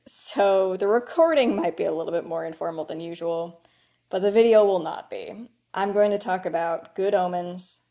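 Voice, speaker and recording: A young woman presents a scripted video essay with casual asides. Her voice is on the low side and distinctly dark and relaxed, as if not long awake. The room adds a slight reverberation. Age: young adult. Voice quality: morning voice, a little off from usual. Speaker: video essayist, channel host. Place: indoors, a room with some reverberation.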